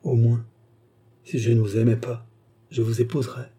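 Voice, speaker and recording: A man voicing a young woman in despair who speaks softly and pleads in a broken voice in a storybook reading. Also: mid-range voice, little pitch movement, moderate pace, lightly acted.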